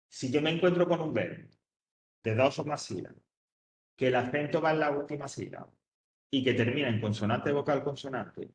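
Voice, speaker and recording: A man's voice: mid-range voice, reverberant. A man teaching English grammar to an adult class, patiently repeating each point step by step. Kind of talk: classroom explanation.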